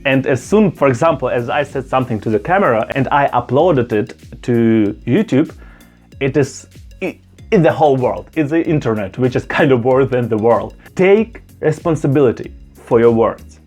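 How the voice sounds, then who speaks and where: A YouTuber with a Russian-speaking background, not German, films an opinion vlog indoors, speaking straight to camera in English as a non-native speaker. His medium-pitched voice is animated and a little mellow, moving at a moderate pace over soft background music. He comes across as earnest and emphatic, repeating phrases to stress his points.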